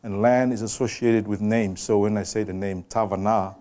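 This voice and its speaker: A man's voice: on the low side, steady tone, dark tone. A man from Samoa, giving a public lecture presentation and putting questions directly to the audience. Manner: unhurried, quizzes the audience directly. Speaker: guest lecturer. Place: lecture room with a live audience.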